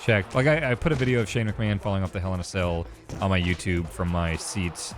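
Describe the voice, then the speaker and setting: A man's voice: deep voice, fairly even intonation, a little fast, music in the background. A man chatting casually over a video game, telling anecdotes with hedging asides.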